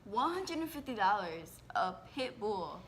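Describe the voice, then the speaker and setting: A young woman talks in a casual, teasing way and giggles often. Her voice is bright and forceful, and there is faint noise behind her. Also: mid-range voice, big pitch swings, a little slow. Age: young adult. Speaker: vlogger. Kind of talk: casual story time chat.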